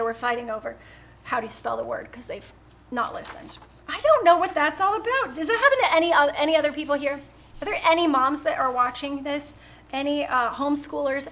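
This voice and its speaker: A woman with a bright, high voice hosts a live painting stream from home, chatting casually as she paints. She rambles cheerfully and laughs often.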